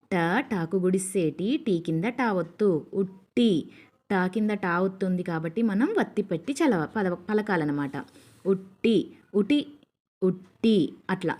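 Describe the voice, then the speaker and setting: A woman leads a children's reading lesson in a mellow, slightly low voice. She spells each word out patiently, one syllable at a time, before reading it whole. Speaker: teacher.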